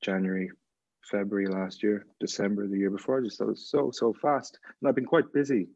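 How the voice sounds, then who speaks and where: A man with an Irish accent, an actor talking in a relaxed podcast interview, rambling with many restarts and fillers. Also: lowish voice, brisk, vocal fry, no room sound, muffled recording. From Ireland. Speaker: actor guest.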